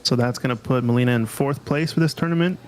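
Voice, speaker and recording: A man's voice: medium pitch, fast. A man doing live play-by-play commentary on a pool tournament, chatty and asking his co-host questions.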